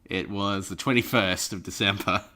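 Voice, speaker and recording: Man, podcast co-host, bright voice, dry deadpan humor. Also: low voice, normal speed. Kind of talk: casual chat.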